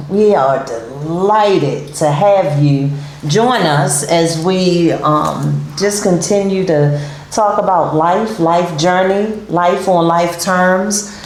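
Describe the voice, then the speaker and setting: A middle-aged woman hosts a talk show, chatting casually with guests and using plenty of fillers and repeated "yeah"s. Her lowish voice is slow and a little mellow, sounding reverberant with slight background noise.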